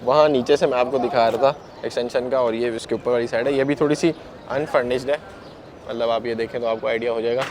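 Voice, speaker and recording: A fast-talking travel vlogger with a darkish tone, medium pitch, and fairly even intonation chats to viewers he calls brother. Nursing a sore throat, he films himself walking and showing things outdoors and in a large, busy mosque extension. The phone recording is noisy and made outdoors.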